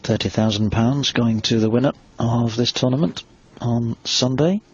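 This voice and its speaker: A man giving quiet, measured sports commentary as a snooker commentator. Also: mid-range voice, breathy edge, no room sound. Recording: dull lo-fi TV broadcast audio.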